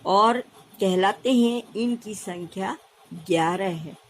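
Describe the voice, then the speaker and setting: A woman's voice: medium pitch, slow pace, slight background noise, rough recording. A woman primary school teacher with a Haryanvi Hindi accent, explaining a lesson patiently and repeating key terms. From India.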